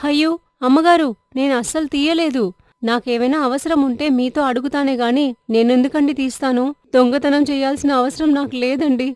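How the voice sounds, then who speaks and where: Woman doing a high, pleading young maid girl. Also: fairly even intonation, moderate pace, a little mellow, no room sound, studio quality, close to an everyday voice.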